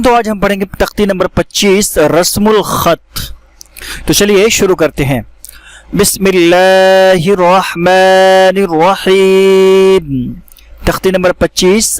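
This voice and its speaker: A man teaching how to read the Quran, explaining each word and then reciting it slowly with drawn-out vowels. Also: high voice, no room sound. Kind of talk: step-by-step recitation lesson.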